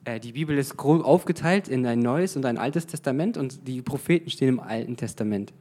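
A man preaching in a loose, conversational way, often pausing on fillers and restarting his sentences. He asks his listeners questions and slips in the odd English phrase. His pitch sits in an ordinary middle range. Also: warm tone. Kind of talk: informal sermon.

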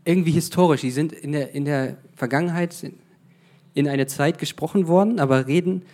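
A man's voice: a little high, fairly quick, a little mellow. A man giving an informal sermon, talking conversationally with frequent fillers and restarts and now and then slipping into English phrases. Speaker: preacher.

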